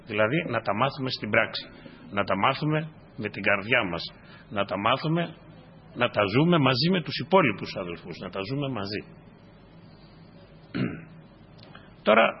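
A man preaching a sermon to his congregation, dropping to quiet asides and then rising into sudden emphatic bursts. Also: mid-range voice, slight background noise. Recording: dull lo-fi recording.

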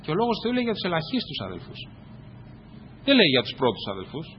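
A man preaching a sermon to his congregation, rising to loud exclamations and dropping to quiet asides. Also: on the high side, huge pitch swings. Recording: dull, echoey hall with faint noise.

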